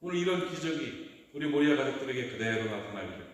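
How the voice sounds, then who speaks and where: A man, a pastor, preaching a sermon with animated delivery, acting out cries and dialogue from the story. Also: medium pitch, fast talker, heavy reverb, in a large hall, recorded from a distance. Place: church sanctuary.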